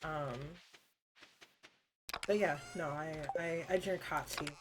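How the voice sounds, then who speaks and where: A woman on a live stream, talking to her viewers in a loose, rambling way full of "um" and "like", with a fairly low voice. There's clear noise and clicking in the background of the recording. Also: takes it slowly. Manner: rambling and informal, with frequent fillers and swearing.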